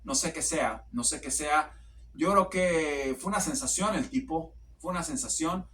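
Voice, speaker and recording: A man reads tarot cards to his viewers in a bright, sharp voice, stopping and restarting as he hunts for words. He closes nearly every phrase with "ok". He sits a bit back from the mic, with a faint noise behind him. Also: on the high side, normal speed, far from the mic. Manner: repeats words while searching for the next. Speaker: tarot reader. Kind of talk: casual tarot reading to camera.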